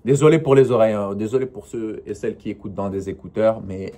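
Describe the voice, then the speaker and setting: A man's voice: on the low side, fast talker, background noise. Male vlogger, casual solo monologue, hesitant, lots of "euh", restarts mid-sentence. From not northern France. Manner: rambling, hesitant with many fillers and restarts.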